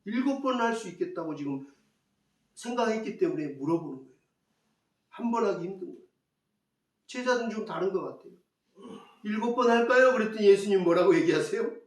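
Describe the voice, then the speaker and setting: A male pastor with a high voice preaches a sermon and keeps putting questions to his congregation. He repeats his key phrases to drive them home. The sound is roomy and echoing, picked up from some distance away in a church. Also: animated, fast, long pauses, darkish tone. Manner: asks the congregation rhetorical questions. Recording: echoey church hall, mic at a distance.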